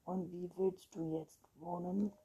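A woman's voice: lowish voice, steady tone, slow pace, mellow, slight background noise. A woman reading a storybook, voicing a timid, easily frightened schoolboy. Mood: alarmed. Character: timid, anxious human schoolboy.

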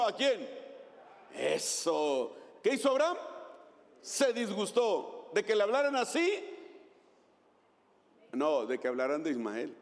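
A man's voice: on the high side, in a large hall. A man preaching a sermon as pastor, reading scripture aloud and putting questions to the congregation.

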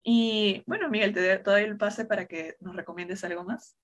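A young woman co-hosting a casual talk show, relaxed and conversational. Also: mid-range voice, normal speed. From Peru. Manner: relaxed, conversational, with many fillers. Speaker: co-host.

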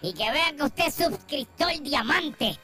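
A squeaky, high, cranky rat who gossips and grumbles about everyone, as a woman acts her out in a Puerto Rican accent. Her pitch leaps all over as she complains, with music playing behind her in this radio comedy sketch. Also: animated, measured pace, sharp tone, heavily acted. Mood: grumpy gossip.

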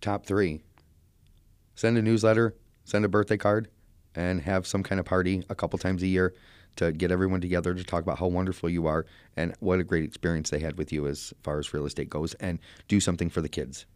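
A man's voice: deep voice, little pitch movement, quick pace, a little mellow, dry recording. A man who works as a realtor, a guest in a casual interview, enthusiastic and agreeable.

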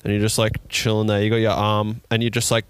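A man's voice: on the low side, completely flat delivery, fast, clean tone, dry recording. A young man on a podcast, laid-back and mocking, acting out jokes in casual banter. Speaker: podcast co-host.

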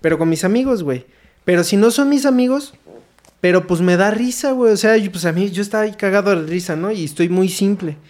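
Man, Mexican accent, young adult, high voice, casual slangy storytelling, lots of swearing. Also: quick pace, a little mellow. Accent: Mexican Spanish. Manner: slangy, swears a lot, acts out quotes. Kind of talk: casual chat.

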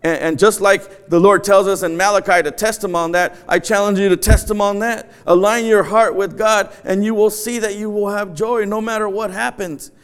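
A middle-aged man preaches in an empty sanctuary, his voice a touch high and smooth with clean resonance. He speaks earnestly, circling back to repeat his main points for emphasis. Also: fairly even intonation, normal speed, few pauses. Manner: earnest, repeats key phrases, chuckles between points. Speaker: pastor. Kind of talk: sermon.

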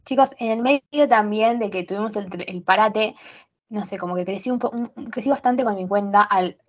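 A young woman with a Rioplatense Spanish accent, co-hosting a podcast in casual, animated chat full of slang and restarts. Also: medium pitch, normal speed, lo-fi sound. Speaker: podcast co-host.

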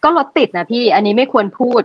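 A woman's voice: fairly high pitch, animated, quick pace, no room sound, lo-fi sound. A woman co-hosting a podcast, wry and playful as she reads out sarcastic lines in casual chat. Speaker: podcast co-host.

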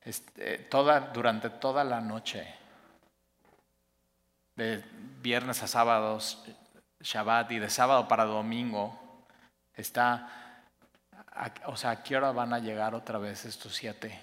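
A man delivers a sermon in a bright, forceful voice. He swells to emphatic peaks and then sinks almost to a hush. A long reverb trails behind him, as in a church hall. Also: mid-range voice, slow, pauses often. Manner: expressive, rising to emphatic peaks then dropping soft. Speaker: pastor.

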